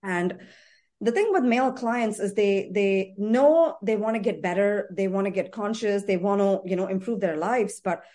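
A woman's voice: mid-range voice, expressive, normal speed, mellow. A woman therapist in a podcast conversation, talking earnestly and repeating phrases for emphasis.

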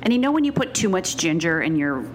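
A woman with a low voice in a casual chat, sardonic and crude, sometimes talking through a mouthful. A faint hiss of noise sits under her. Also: very animated, quick pace. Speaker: podcast co-host. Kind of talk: casual chat, food tasting.

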